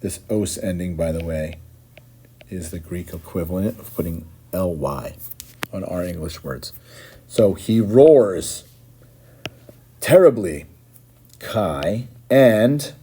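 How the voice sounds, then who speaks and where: A man's voice: low-pitched, takes it slowly, warm tone, slight background noise. A man teaching and patiently explaining as he translates line by line, often checking in with "right?".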